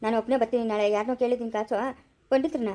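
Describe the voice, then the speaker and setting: An exasperated young man, voiced by a woman, speaks fast in a rather high, mellow voice. He sounds fed up and dismissive in this family cartoon. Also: fairly even intonation, natural voice. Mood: irritated. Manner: annoyed, dismissive. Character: irritated young man on the phone. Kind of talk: cartoon voice acting.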